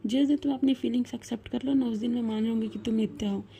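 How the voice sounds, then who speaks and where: A woman's voice: fairly high pitch, fairly even intonation, quick pace, gravelly, warm tone, slightly rough. A woman voicing a hurt young female professor who scolds with emotion. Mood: reproachful. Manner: reproachful, emotional.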